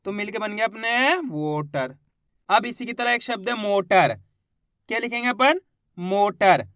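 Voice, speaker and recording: High-voiced man teaching reading patiently. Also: a bit bright, dry recording, studio quality. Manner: patient, repeats each word and syllable. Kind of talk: slow step-by-step lesson, sounding out syllables.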